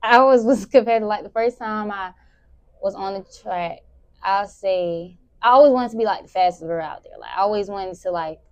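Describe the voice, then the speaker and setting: A teenage girl, a high school sprinter answering interview questions in a relaxed, rambling way. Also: fairly quick, smooth, no echo. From Memphis, Tennessee. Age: teens. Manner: relaxed, rambling, many "like" fillers.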